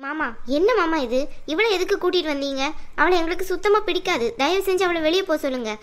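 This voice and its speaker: A woman voicing a young woman in a cartoon, a hostile elder sister with a sharp, insistent manner. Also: extremely high pitch, fast talker. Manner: sharp, insistent, pleading with her father-in-law. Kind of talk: cartoon voice acting.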